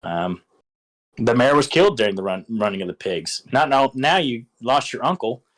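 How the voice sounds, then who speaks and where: In a casual instructional talk, a game master explains how to run a tabletop game in a medium-pitched voice with lively intonation and normal speed. He's enthusiastic but rambling, full of fillers and restarts, and the recording is low in quality.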